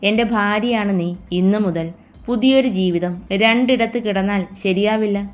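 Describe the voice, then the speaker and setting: A gentle, insistent young husband, read by a woman. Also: mid-range voice, normal speed, faint music behind, natural voice. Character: young man, gentle, quietly possessive husband.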